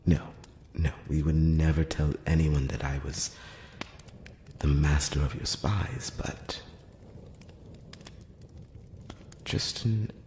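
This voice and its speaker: A man speaks softly and formally, close to the mic, as a courteous, curious elf prince in an intimate ASMR fantasy roleplay, hesitating now and then. His pitch is extremely low and his pace slow, with a gently curious mood. The close-up recording has a roomy, long reverb and background hiss.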